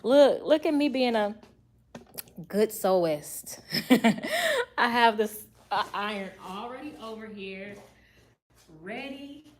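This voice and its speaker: In her sewing office, a woman hosting a sewing channel talks casually through a tutorial, thinking out loud while she works. She speaks a little high and slowly, with long pauses. Moving around the room, she goes nearer to and farther from an added mic, with the camera across the room, roomy echo and faint hiss in the background.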